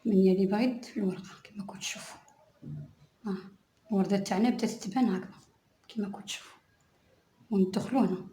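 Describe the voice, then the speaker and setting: Woman teaching crochet, soft, mellow voice, slow stitch counting, roomy echo. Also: medium pitch, steady tone. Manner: soft-spoken, counts stitches aloud slowly. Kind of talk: step-by-step tutorial narration.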